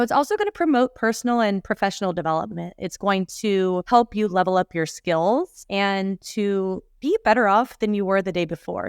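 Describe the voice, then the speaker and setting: Woman coach on a podcast, smooth clear voice, dry close sound, talks openly about her career. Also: mid-range voice, no echo. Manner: candid, reflective storytelling. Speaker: leadership coach and guest. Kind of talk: podcast interview.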